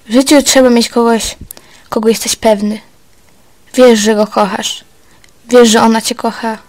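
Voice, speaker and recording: A woman reading the lines of a tender young courtier in love, in a soft, reflective voice. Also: on the high side, little pitch movement, unhurried, dry recording, soft background music, lightly acted, poor audio.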